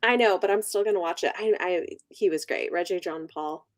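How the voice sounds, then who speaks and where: Speaking a little fast in a fairly low pitch, a woman hosts a book channel livestream. It's casual, informal chat, and she sounds enthusiastic about what she likes.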